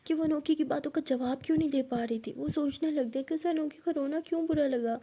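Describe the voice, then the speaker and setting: A woman retells a love story in an easy, chatty way, tagging each line of dialogue as she goes. Her voice is high and mellow, friendly rather than theatrical. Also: fast. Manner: conversational retelling with dialogue tags. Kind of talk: casual storytelling narration.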